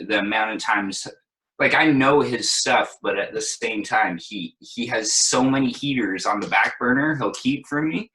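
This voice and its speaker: A man's voice: fairly low pitch, pushed and bright, poor audio. A young man chatting casually as a guest, laid-back and rambling, with lots of fillers. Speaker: guest DJ and producer. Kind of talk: casual chat.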